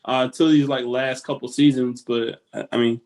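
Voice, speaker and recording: A man co-hosting a sports podcast, recapping trades in relaxed talk with many fillers. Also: mid-range voice, moderate pace. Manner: relaxed, filler-heavy, steers topics. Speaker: podcast co-host. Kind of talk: casual sports chat.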